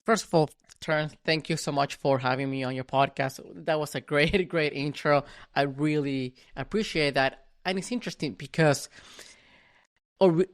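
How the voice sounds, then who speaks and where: A man tells his story in relaxed, reflective fashion while appearing as a podcast guest; he is from Venezuela and Spanish is his first language. His voice leans high, his speed is normal, and his speech is full of restarts and repeated words.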